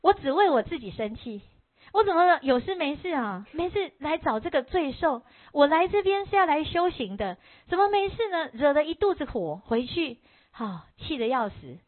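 A woman's voice: sits high, animated, fast talker, few pauses. Woman voicing a fuming, indignant rich woman. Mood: exasperated. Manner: complaining, indignant outbursts. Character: irritable rich woman, quick to anger. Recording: tinny phone-like recording.

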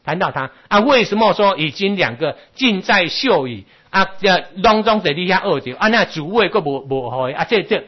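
A man lectures on Buddhist scripture in a husky, somewhat high voice. He talks haltingly, repeating words and sprinkling in filler particles. The recording sounds dull and lo-fi. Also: lively intonation.

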